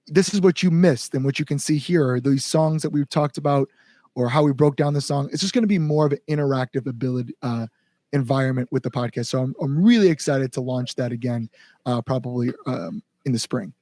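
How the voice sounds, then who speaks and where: A guest musician, the singer in a band, chats casually in an interview, enthusiastic and loose, with lots of "like" and "you know." His voice is medium-pitched and darkish, he talks briskly, and the recording is dry.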